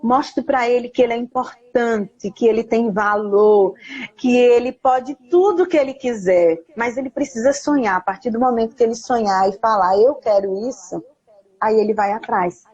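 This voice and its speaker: Woman, encouraging, earnest, husky voice, lo-fi live stream. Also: fairly high pitch, darkish tone. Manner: earnest, encouraging, quotes scripture slowly. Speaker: invited guest speaker. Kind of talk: casual live chat with teaching tips. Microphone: phone or laptop on a live video call.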